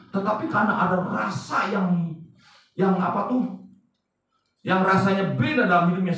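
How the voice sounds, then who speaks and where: A man preaching a sermon as pastor, lively and casual, asking the congregation questions as he goes. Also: high-pitched, heavy reverb, far from the mic, poor audio. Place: church service.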